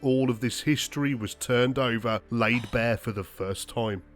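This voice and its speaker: A man narrating a wrestling history documentary in a measured, even storytelling manner. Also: medium pitch, soft background music. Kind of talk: scripted narration.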